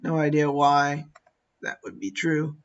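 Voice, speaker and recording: Slow-talking man musing over a game. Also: a little high, lively intonation, a bit bright, muffled recording. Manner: slow, musing, talks to his units. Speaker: gameplay commentator. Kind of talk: casual strategy game commentary.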